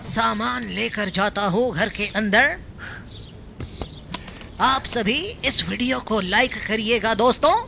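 A man giving cartoon-style game commentary, calling out loudly and pleading urgently. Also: high-pitched, takes it slowly, vocal fry, pauses often, slight background noise. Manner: loud, urgent calls and pleading. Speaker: gaming commentator.

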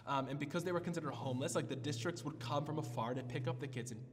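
A man's voice: on the high side, quick pace, big-room sound, slight background noise. A man preaching a sermon as pastor, telling a personal story with many restarts and fillers. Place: church hall.

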